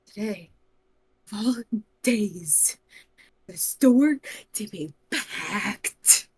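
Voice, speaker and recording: A woman's voice: lowish voice, slow pace, no echo. Woman doing a foul-mouthed hangry fantasy adventurer. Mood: irritated. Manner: swears and shouts in outbursts. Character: hot-tempered, hungry female fantasy adventurer, cursing.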